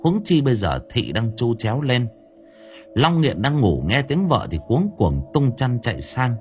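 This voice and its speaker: A man narrating an audiobook in a lively, humorous storytelling manner. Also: medium pitch, unhurried. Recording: faint music behind.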